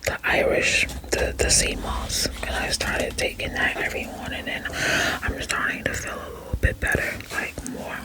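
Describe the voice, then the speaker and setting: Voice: normal speed, rough recording. An ASMR creator whispering casually to viewers, rambling and hesitant as if thinking aloud.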